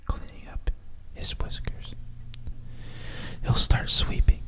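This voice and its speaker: Slow whispered bedtime story, right in your ear. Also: distant mic, poor audio. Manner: soft breathy whisper, unhurried and soothing. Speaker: storyteller reading a picture book aloud with asides.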